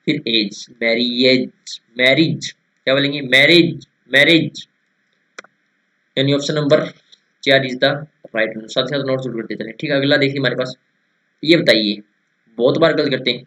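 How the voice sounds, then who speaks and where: In a muffled recording, a young man teaching an exam-prep class runs spelling drills. He keeps repeating the words and posing rhetorical questions to the students, his voice pitched in an ordinary middle range.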